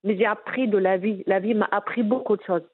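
A woman's voice: mid-range voice, steady tone, fairly quick, slightly rough. A middle-aged woman with a Moroccan accent, telling her life story in an interview, earnest and emphatic with many restarts. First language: Moroccan Arabic. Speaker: interviewee, businesswoman. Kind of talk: candid personal interview. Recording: phone-like narrow band.

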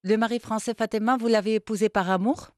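A man's voice: high-pitched, steady tone, quick pace, no echo. A male interviewer asks questions politely, hesitating and filling gaps with short sounds. His voice is dry and close, with no room sound around it.

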